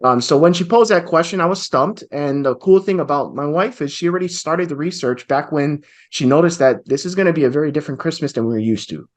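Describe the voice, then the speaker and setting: A man's voice: a little high, fast talker, few pauses. A man in his forties from Hawaii, a real estate investor telling his story earnestly and reflectively over a video call. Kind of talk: storytelling interview answer. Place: home office with bookshelves.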